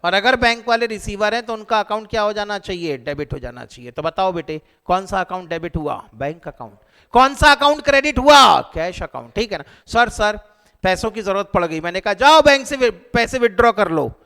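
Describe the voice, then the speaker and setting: A man teaching an accounting lecture to a class, animated and joking as he quizzes his students. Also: high voice, a little fast, creaky, clean tone. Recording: long hall reverb.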